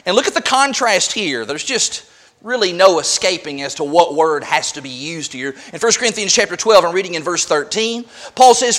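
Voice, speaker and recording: A man's voice: high voice, a bit bright. A man preaching a sermon in a church, explaining a word to the congregation and asking them questions. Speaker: pastor.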